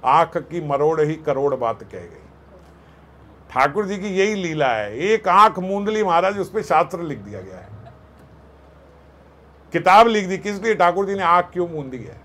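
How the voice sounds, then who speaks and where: Male katha preacher, slightly high, lively and playful storyteller. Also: moderate pace, long pauses. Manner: animated, acts out voices and jokes with the audience. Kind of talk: devotional katha sermon.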